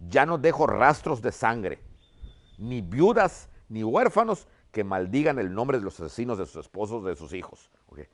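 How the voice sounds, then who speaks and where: A man's voice: medium pitch, big pitch swings, normal speed, natural voice. A man doing an earnest peace-making general. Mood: earnest persuasive. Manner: earnest, persuasive, addresses the other as don. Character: solemn conciliatory male general offering peace.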